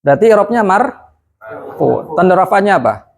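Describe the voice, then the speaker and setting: A man teaching Arabic grammar in a prayer room, quizzing his students with quick questions and then repeating and explaining each term. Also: high voice, sing-song, vocal fry. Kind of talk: classroom lesson.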